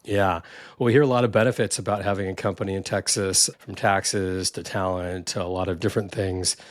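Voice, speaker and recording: This man has a low voice and a steady tone, talking a little fast on a dry recording. He hosts a startup interview podcast out of Silicon Valley, California, reading an upbeat intro and asking friendly questions.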